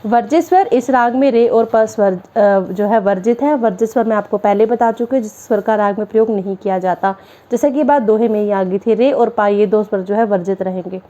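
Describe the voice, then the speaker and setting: A woman's voice: medium pitch, a little fast, dark tone. A woman from Haryana, India, a music teacher giving a classroom-style music theory lesson, explaining each term step by step with simple definitions.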